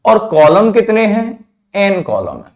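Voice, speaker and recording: Male math teacher, somewhat high voice, drills students with repeated questions. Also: wildly swooping pitch, takes it slowly, darkish tone. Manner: asks students questions and answers them himself, repeating key terms; calls students "children", drops his voice at answers. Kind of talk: classroom lecture.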